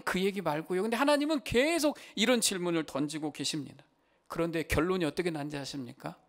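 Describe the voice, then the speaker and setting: Male pastor, sermon delivery, impassioned, higher-pitched, rhetorical questions to the congregation. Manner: impassioned, rising loud when voicing Job's complaints.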